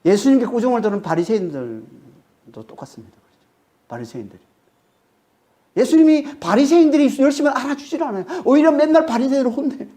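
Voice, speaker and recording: A woman's voice: high-pitched, very animated, fast talker, warm tone. A woman pastor preaching a sermon, emphatic, and she keeps prodding her listeners with questioning tags. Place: church sanctuary.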